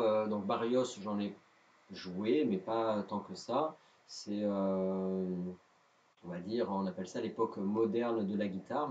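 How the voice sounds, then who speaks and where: A man's voice: mid-range voice, darkish tone, dull audio. A man with a non-native French accent teaching a live guitar lesson, hesitant and self-deprecating with many fillers. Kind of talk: live-streamed music lesson.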